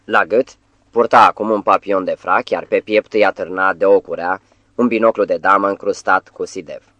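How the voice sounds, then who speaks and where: A man narrating an audiobook in a measured, even reading. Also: low-pitched, no room sound, dull audio. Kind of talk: scripted literary narration.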